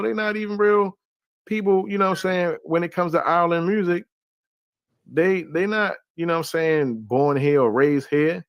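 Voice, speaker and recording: A man's voice: a little high, dry recording. A man in a casual panel discussion, talking loosely and often stopping to say "you know what I'm saying.". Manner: loose, conversational, heavy on filler phrases. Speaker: podcast panelist.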